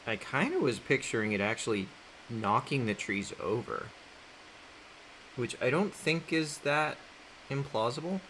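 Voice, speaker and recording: A man's voice: mid-range voice, big pitch swings, measured pace, pauses often, a bit bright, a little hiss or hum, rough recording. A man casually chatting on a livestream while drawing, reading chat aloud, rambling and laughing often. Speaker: artist streaming while drawing.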